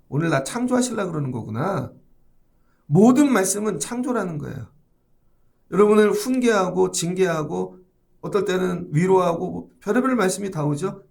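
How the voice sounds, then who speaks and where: A man's voice: high voice, a little fast, gravelly, a little mellow. A middle-aged man preaching a morning sermon as pastor in a church, talking conversationally and speaking to the congregation directly.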